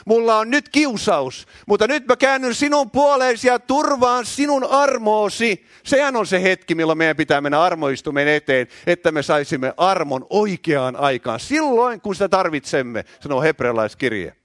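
A middle-aged man preaching a loud, excited charismatic sermon in a church, often shouting and repeating words when worked up. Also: high-pitched, hardly any pauses, no room sound, clean studio sound.

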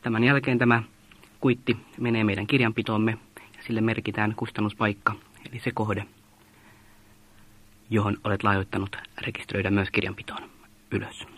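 A man patiently explaining how donations are handled, in a measured way with frequent hesitation sounds. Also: fairly low pitch, little pitch movement, fairly bright tone. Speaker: mission organization leader. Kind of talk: explaining in an interview.

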